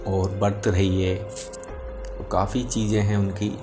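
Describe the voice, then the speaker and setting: A man speaking as a spiritual teacher, explaining devotional matters to viewers in a calm, gentle and patient way. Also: on the low side, slow. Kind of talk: spoken religious explainer to viewers. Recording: music behind the voice. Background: music.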